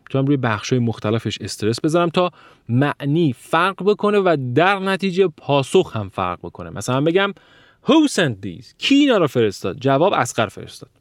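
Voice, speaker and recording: A man teaching a language lecture, stressing words and letting his pitch rise and fall sharply to demonstrate intonation, and slowing down to spell out example sounds. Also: big pitch swings, no echo, clean studio sound.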